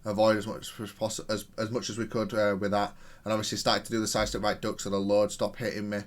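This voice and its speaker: Fast and monotone, this lowish male voice belongs to a gaming content creator picking apart his own play. He keeps it casual, analyzing as he thinks aloud and catching his own mistakes mid-commentary.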